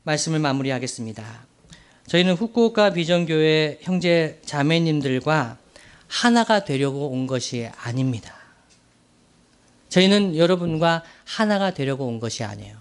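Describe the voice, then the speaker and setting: A man from Daegu preaching a sermon as pastor, in earnest, slow, emphatic phrases with questions to the congregation. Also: on the high side, lively intonation, clear, resonant tone. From Daegu, South Korea.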